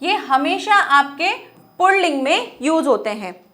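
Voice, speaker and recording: A woman's voice: high voice, sing-song, measured pace, sharp tone. A woman teaching a grammar lesson, asking her students questions and answering them herself while repeating example phrases. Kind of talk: classroom-style grammar lesson.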